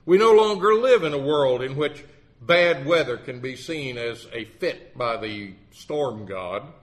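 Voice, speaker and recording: Animated older man preaching. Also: mid-range voice, unhurried. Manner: storytelling, wry and earnest. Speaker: lay preacher with a legal background. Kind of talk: sermon.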